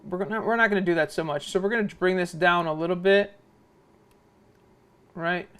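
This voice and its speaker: At a moderate pace, a male video editing instructor with a clear, smooth and rather high voice talks through a software tutorial one step at a time. His tone is casual, and he regularly tacks on quick checks for understanding.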